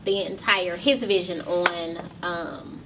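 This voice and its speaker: A woman's voice: on the low side, slow, far from the mic, noisy background. A woman hosting her own podcast and talk show, speaking casually to viewers in a loose, chatty way with many ums, close to tears.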